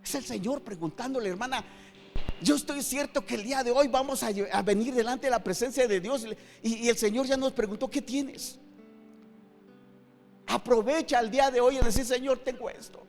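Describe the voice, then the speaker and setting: A middle-aged man preaching a sermon as pastor, emphatic, swinging between loud and hushed with many rhetorical questions. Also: extremely high pitch. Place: church hall. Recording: long hall reverb with faint guitar.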